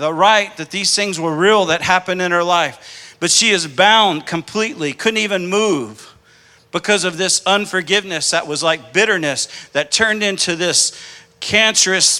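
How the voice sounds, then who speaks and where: Bright-voiced impassioned male pastor. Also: sits high. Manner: impassioned storytelling preacher. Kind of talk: sermon.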